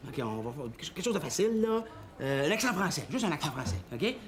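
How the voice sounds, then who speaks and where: A Quebec man teases and bosses his friend in a sitcom sketch, his pitch swinging widely. An audience rumbles behind him. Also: big pitch swings, quick pace, crowd noise. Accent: Quebec French. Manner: teasing, bossy. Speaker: sketch comedian.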